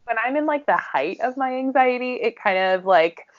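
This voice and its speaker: A woman's voice: on the high side, expressive, moderate pace. A woman from the United States co-hosting a podcast in casual chat, talking with giggly enthusiasm and many uses of "like". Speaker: podcast co-host. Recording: slightly dull, lo-fi audio.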